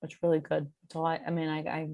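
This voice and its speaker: A woman chatting casually as a podcast guest, self-deprecating and full of halting restarts. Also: low voice, completely flat delivery, mellow, slight background noise. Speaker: guest, cartoonist and beer educator.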